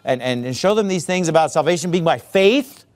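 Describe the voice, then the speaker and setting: Here a preacher, middle-aged and sounding like a pastor at the pulpit, speaks briskly in a high, energetic voice that swings up and down to drive his points home. He's emphatic and sarcastic, shouting out certain words.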